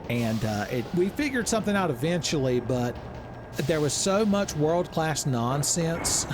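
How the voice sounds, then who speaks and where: A man hosting a gaming video with casual comedic commentary, wry, mock-dramatic and sweary. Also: on the high side. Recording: music behind commentary.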